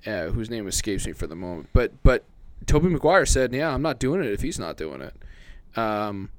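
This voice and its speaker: A man's voice: fairly low pitch, sing-song, normal speed. Blunt, profane man chatting on a call. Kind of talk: casual chat. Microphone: remote call with a mute button.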